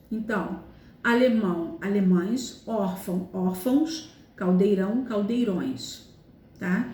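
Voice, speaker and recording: A woman's voice: mid-range voice, dark tone, reverberant. A teacher, a woman, explaining grammar rules step by step and checking in with her students often. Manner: explanatory, repeats examples, frequent "tá?" and "né?" checks. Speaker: Portuguese language teacher. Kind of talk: recorded grammar lesson.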